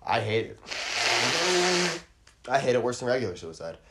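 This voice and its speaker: A man hosting a comedy podcast, rambling crudely through a stream of ums and restarts and breaking into shrill squealed sound effects. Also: animated, moderate pace, heavy background noise. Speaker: podcast host.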